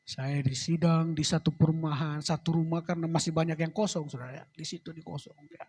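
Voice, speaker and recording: A middle-aged man, a pastor, giving a personal testimony in church and ending phrases with a soft, trailing address to the congregation. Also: a little high, fairly even intonation, a little fast, slightly rough. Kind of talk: sermon testimony.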